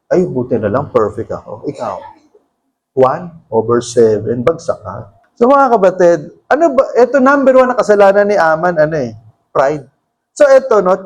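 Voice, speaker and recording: Man, Filipino accent, pastor, sermon, high voice, asks the congregation questions. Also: rough recording. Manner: mixes Tagalog and English, asks the congregation questions.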